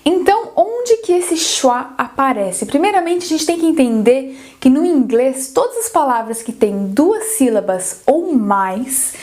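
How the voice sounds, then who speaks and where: High-voiced woman teaching English pronunciation. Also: animated, a little slow, few pauses, a little mellow. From Brazil. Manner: explains step by step, checks in with frequent "ok?". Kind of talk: online pronunciation lesson.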